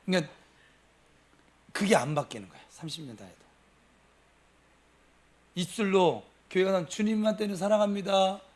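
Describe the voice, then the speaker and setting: A middle-aged man from Gimcheon, preaching a sermon at a Wednesday prayer service, swinging between loud emphasis and soft asides as he talks with the congregation. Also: high voice, moderate pace, long pauses. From Gimcheon, Gyeongsang province. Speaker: pastor.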